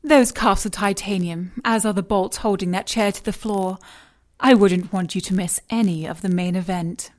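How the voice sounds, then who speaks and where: In this sci-fi noir audio drama, a female performer plays the scientist overseeing experiments, a cold, mocking and seductive figure. Her delivery is precise and clinical, tinged with teasing condescension. The voice is natural and mid-range, moving at a moderate pace.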